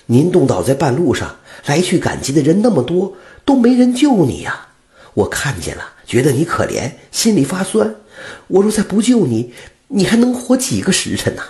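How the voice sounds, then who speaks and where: A man's voice: on the high side, huge pitch swings, normal speed, warm tone, pitched above the performer's own voice. A man voicing a kind-hearted young butcher who talks earnestly and stammers a little. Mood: pleading.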